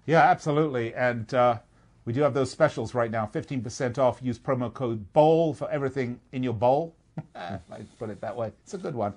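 A man's voice: mid-range voice, brisk, darkish tone. Jokey man rattling off betting stats. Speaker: sports betting show host. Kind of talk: casual sports betting talk.

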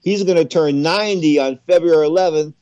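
A man's voice: fairly high pitch, fairly quick, no room sound, lo-fi sound. Chatty radio host in his sixties. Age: 60s. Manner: chatty, animated storyteller. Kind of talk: talk radio interview.

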